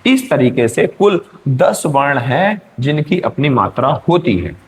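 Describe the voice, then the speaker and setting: A man's voice: mid-range voice, animated, unhurried. A male teacher giving an exam-prep grammar lesson, explaining step by step and checking in with his students.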